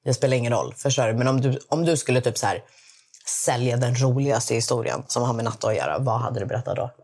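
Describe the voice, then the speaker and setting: A woman's voice: extremely low pitch, darkish tone, slightly rough. A woman hosting a podcast, chatting casually and bluntly, telling stories with quoted voices. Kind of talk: casual chat.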